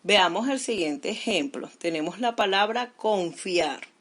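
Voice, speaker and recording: A middle-aged woman teacher from Venezuela, giving a recorded language lesson with slow, deliberate explanations that stress syllables. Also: mid-range voice, lively intonation, a bit bright.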